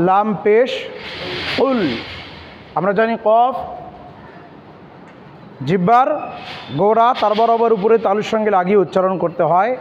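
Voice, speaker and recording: High-voiced Bengali teacher spelling out syllables. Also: male voice, big-room sound, highs cut off, a little hiss or hum. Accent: Bangladeshi Bengali. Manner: spells out letters and vowel marks slowly, repeating syllables. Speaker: Quran recitation teacher. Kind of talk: step-by-step pronunciation lesson.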